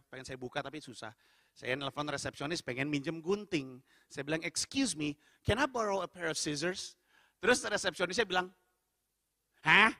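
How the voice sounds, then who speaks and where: Bright-voiced man doing stand-up in a hall. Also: sits high, gravelly, studio quality. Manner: animated, acts out dialogue with mimicked voices; addresses the audience directly. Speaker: stand-up comedian. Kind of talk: stand-up comedy storytelling. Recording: echoey hall.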